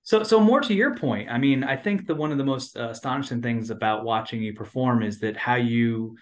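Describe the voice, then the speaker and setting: A man's voice: mid-range voice, brisk. A man interviewing a guest, asking loose, meandering questions while searching for words. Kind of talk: casual interview conversation.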